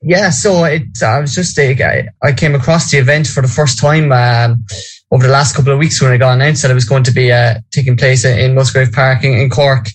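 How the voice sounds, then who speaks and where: A man conducting a conversational radio interview with polite, slightly halting questions. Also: mid-range voice, steady tone, no echo.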